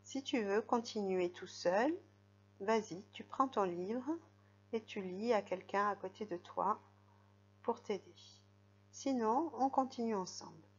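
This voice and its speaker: A woman with a mid-range, somewhat mellow voice teaches young children to read at a measured pace, patiently guiding them through the text and spelling out letters and syllables. The recording is dull and lo-fi.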